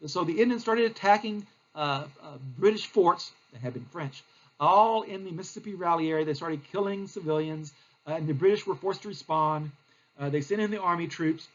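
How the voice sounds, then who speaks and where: A man's voice: a little high, a bit bright, lo-fi sound. A male teacher, giving a recorded history lecture in a plain, explanatory way with frequent fillers.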